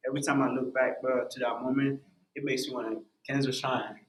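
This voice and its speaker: On a relaxed podcast, a young music artist recounts his story with animation, peppering almost every line with "bro" and "man." His medium-pitched voice is flat in delivery and a little fast, and the sound rings around a large, echoey room.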